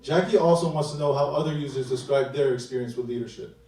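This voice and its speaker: A man's voice: medium pitch, quick pace, dark tone. A man from Queens, New York, giving a rehearsed, upbeat demo presentation as a developer. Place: large event hall. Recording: echoey hall mic from a distance.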